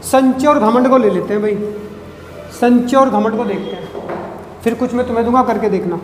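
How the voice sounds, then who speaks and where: A man's voice: very high-pitched, fairly quick. A man teaching a grammar lesson at a board, drawing out syllables, repeating them and quizzing his listeners. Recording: echoey room with long reverb, faint noise.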